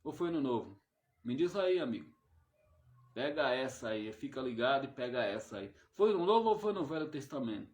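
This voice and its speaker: A man with a Brazilian Portuguese accent preaching a fiery sermon as an evangelist. He talks emphatically, rising loud on key words and then dropping soft on the little "my brother" tags. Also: mid-range voice, sing-song, normal speed. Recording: roomy echoey sound.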